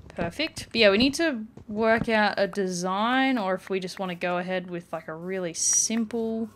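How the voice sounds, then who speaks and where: A woman gaming YouTuber gives casual let's-play commentary as she plays, chatty and rambling with lots of "like" and "um." Her voice is medium in pitch, with a little hiss or hum on the recording.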